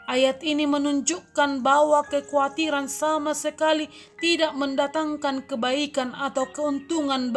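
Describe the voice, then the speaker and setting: A woman deaconess giving a daily devotional sermon in a calm, earnest preaching manner, addressing her congregation directly. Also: high-pitched.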